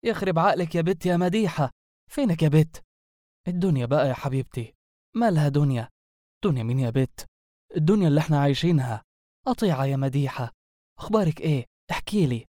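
Shrill, nosy young women trading gossip in a raised falsetto with an Egyptian accent, as a male narrator puts them on. The voice stays mellow and dark underneath, recorded close and dry in a storybook reading. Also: expressive, fast, pauses often, no room sound, lightly acted. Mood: gossipy. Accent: Egyptian Arabic.

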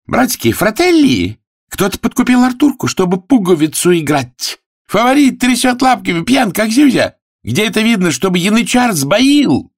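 A man voicing a brash young woman who scolds a crowd in shrill cries. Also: sing-song, moderate pace, exaggerated voice. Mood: shrill scolding.

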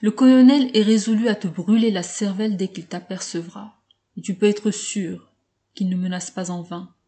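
A woman's voice: mid-range voice, fairly even intonation, normal speed, mellow, close to an everyday voice. A woman voicing a grave, angry older man who scolds his nephew in a read-aloud classic story. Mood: stern. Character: stern angry older male uncle.

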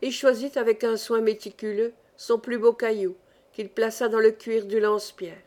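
A woman's voice: on the high side, normal speed. Woman reading a village story aloud. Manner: lively storytelling, varied pace. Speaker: audiobook reader. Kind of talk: scripted narration.

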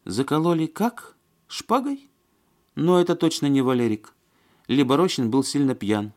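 A man's voice: fairly high pitch, expressive, unhurried, voice pushed up. A man reading an audiobook and voicing a fussy, flustered woman who chatters and complains in a plaintive, agitated way. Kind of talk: audiobook character voice.

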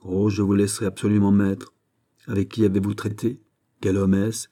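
A man's voice: on the low side, little pitch movement, moderate pace, mellow, lightly acted. A man voicing a scheming nobleman in a novel reading, pressing with insistent questions. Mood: urgent.

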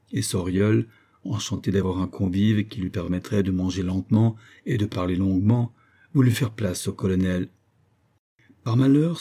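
A man narrating a classic novel as an audiobook, in a measured, expressive reading. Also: on the low side, slightly rough.

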